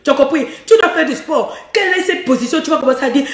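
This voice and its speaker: A high-pitched woman with a hoarse edge to her voice gives frank relationship advice as a coach. She is bold and teasing, laughing between lines and speaking right to her listener. The sound carries a roomy echo. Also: expressive, fast talker, distant mic. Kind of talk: frank advice monologue to women viewers.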